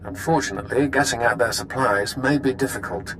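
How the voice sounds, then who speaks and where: An actor playing a ruthless, commanding imperial military officer in a video game, with clipped, menacing authority. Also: male voice, medium pitch, brisk, a bit bright, slight background noise, lightly acted, low-quality recording. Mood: scheming, stern.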